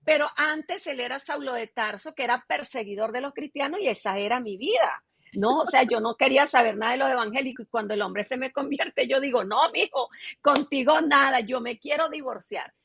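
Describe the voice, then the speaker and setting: A woman's voice: high-pitched, fairly quick, gravelly, a bit bright, breathy edge, no echo. A middle-aged woman pastor, telling her testimony in an interview and acting out the dialogue she quotes.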